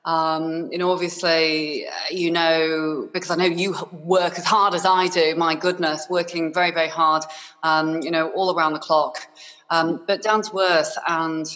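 A woman born in Hong Kong and raised in Yorkshire, England, a business owner, speaks effusively as a guest in a conversational podcast interview, filling her talk with fillers. Her voice sits low and fairly bright, with a level tone at normal speed. The low-quality recording has a long reverb tail.

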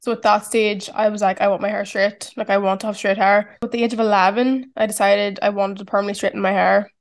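A fast-talking woman in her twenties from Ireland, with a strong Irish accent and a medium pitch that barely moves. She hosts a casual, reflective solo podcast, chatting away and saying "like" a lot.

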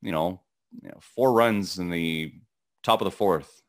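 A middle-aged man with a gravelly morning voice and a fairly low pitch, chatting as the co-host of a sports podcast. He rambles and halts, restarting sentences and filling the gaps with ums and uhs. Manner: rambling, halting with many restarts and fillers. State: voice cracking. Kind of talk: casual sports podcast chat.

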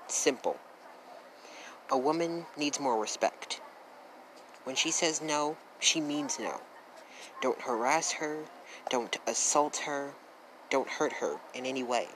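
An earnest man hosts his own vlog at a steady middle pitch, stacking emphatic affirmations one after another. He sounds as if he is holding back emotion. A clear layer of background noise runs under his voice. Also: slow, long pauses. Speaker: vlog host. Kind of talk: earnest direct-to-camera talk.

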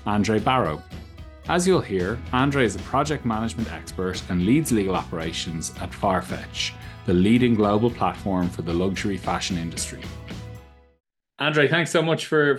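A man hosting a podcast interview, asking conversational questions in a friendly way. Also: fairly low pitch. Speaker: podcast host.

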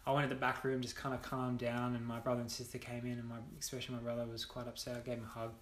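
Rapid-fire and monotone, this young podcast guest's mid-range voice delivers a frank personal story full of swearing and frequent restarts. He's blunt throughout, and the sound has a roomy echo.

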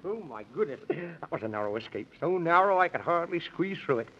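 A fussy, excitable moon man dithers in a high voice that leaps up and down. He repeats himself and argues in pedantic nonsense. It comes through as a muffled 1930s children's radio serial. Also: a little fast, breathy edge. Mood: flustered, alarmed. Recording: dull vintage 1930s radio recording.

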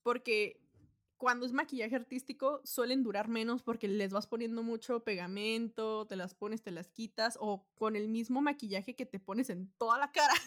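A young adult woman with a Mexican accent, hosting a casual podcast chat and telling stories in an animated, profane way. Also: fairly high pitch, moderate pace. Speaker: podcast host.

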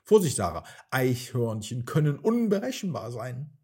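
A man's voice: mid-range voice, big pitch swings, moderate pace, darkish tone, slightly rough. A man voicing a small, anxious male pet monkey who keeps warning about dangers, in a storybook. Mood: fretful. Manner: worried, fretful warnings.

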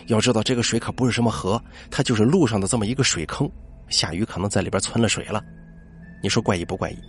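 A man hosting a late-night podcast, telling listener-submitted ghost stories and dropping his voice low for the eerie moments. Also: fast, soft background music. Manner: lively storyteller voice, drops low for eerie moments. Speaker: podcast host.

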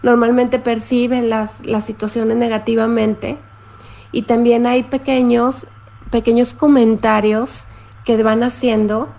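A middle-aged woman talks to her live-stream viewers in an explanatory way, greeting them by name. Her voice sits a little high and has a gravelly, fry-laden edge. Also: little pitch movement, unhurried. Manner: warm, explanatory, reads viewer comments aloud.

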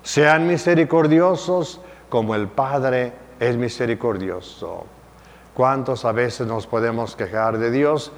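Slow emphatic male preacher in a reverberant church. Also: mid-range voice. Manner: emphatic preaching with rhetorical questions and repetitions. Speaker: priest. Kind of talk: sermon.

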